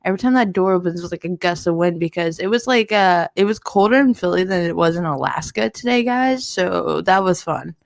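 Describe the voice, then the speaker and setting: A woman chats on a live podcast in a lower register. She rambles through her stories and laughs often. Her voice sits close and dry on the mic. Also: brisk, creaky, few pauses, no echo. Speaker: podcast co-host. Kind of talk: casual chat.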